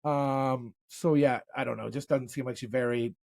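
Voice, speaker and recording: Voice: mid-range voice, fairly even intonation, normal speed, vocal fry, a little mellow, no room sound. A podcast co-host chatting casually about crime stories, with lots of "like" and "um". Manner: loose, full of fillers like "like" and "um". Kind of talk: casual true-crime chat.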